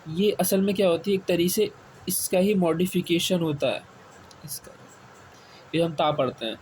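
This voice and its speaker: A man teaching the stopping rules of Quran reading, who asks his students questions and answers them himself, repeating key words slowly. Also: high-pitched, darkish tone. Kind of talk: step-by-step classroom explanation. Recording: faint background noise.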